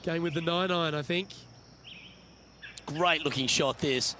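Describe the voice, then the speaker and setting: A man calling golf shots as a play-by-play commentator, admiring and measured. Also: a little high, noisy background.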